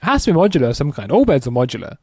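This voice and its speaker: A man's voice: a little high, sing-song, very fast, a little mellow, husky, no echo. A man, co-hosting a casual podcast, teasing and reading out news stories. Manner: teasing, laughs often, reads out news headlines. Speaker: podcast co-host. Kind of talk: casual chat.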